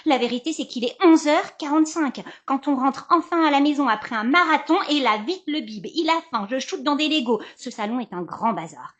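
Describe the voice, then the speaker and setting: A woman in her thirties performing a theatrical storytelling monologue as a guest columnist, swinging between loud and hushed delivery. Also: sits high, animated, a little fast, few pauses, highs cut off.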